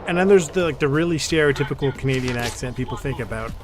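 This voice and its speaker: A man's voice: mid-range voice, fast talker. A young man giving casual, rambling commentary on his game stream, chatting with viewers and laughing easily. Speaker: gaming streamer. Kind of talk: casual let's-play commentary. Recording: game gunfire and noise behind voice. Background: game sounds, gunshots.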